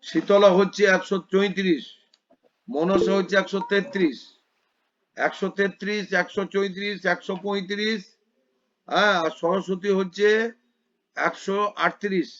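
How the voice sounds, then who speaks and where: High-voiced man teaching over a call. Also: fairly even intonation, moderate pace, pauses often, highs cut off. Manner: gentle, corrective, repeats page numbers. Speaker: priestly studies teacher. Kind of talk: online class instruction.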